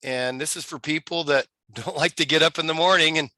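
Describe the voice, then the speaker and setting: A man's voice: fairly high pitch, fairly even intonation, brisk, bright, forceful tone, no room sound. A man on a video call, enthusiastically explaining a sales training session. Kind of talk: casual video call chat.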